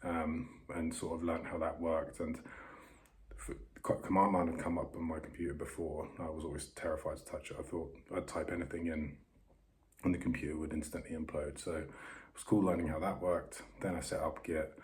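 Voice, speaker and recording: A man speaks in a very deep register with little melody, keeping his voice hushed. He talks casually and a little self-consciously, like someone recording a vlog quietly so the people nearby won't hear. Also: flat delivery, brisk, slight background noise, low-quality recording. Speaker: vlogger documenting learning to code. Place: upstairs bedroom in a holiday home.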